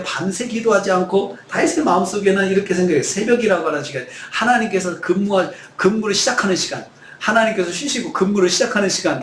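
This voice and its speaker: Male pastor, earnest sermon delivery, high pitch, echoey hall. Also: a little hiss or hum. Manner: earnest, acts out pleading prayers with rising voice. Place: church sanctuary.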